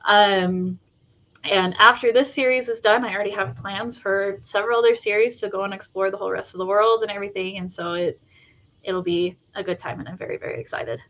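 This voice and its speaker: Guest author, woman, chatty and eager, mid-pitched. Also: steady tone, a little fast, fairly bright tone, dull audio. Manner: chatty, many ums and likes, enthusiastic. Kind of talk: casual interview chat.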